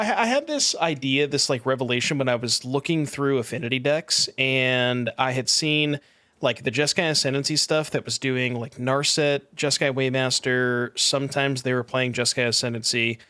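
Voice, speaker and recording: A man from Connecticut co-hosting a podcast, chatting casually and working through ideas with quick restarts. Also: medium pitch, bright, forceful tone, no room sound. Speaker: podcast co-host. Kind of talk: casual chat.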